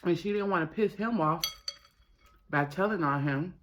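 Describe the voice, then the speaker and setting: A man hosting a mukbang, talking casually to viewers with his mouth sometimes full, gossipy and emphatic, pausing and repeating phrases. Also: high voice, fairly bright tone, a little hiss or hum. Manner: talks while eating, mouth sometimes full. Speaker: mukbang host. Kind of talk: casual chatty commentary to viewers while eating.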